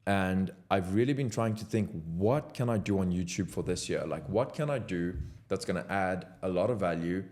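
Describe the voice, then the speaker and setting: A young South African man with a deep, slightly mellow voice speaks at a moderate pace with few pauses. He's a content creator recording an unscripted talking-head vlog to camera from his home desk, and his tone is earnest and motivational.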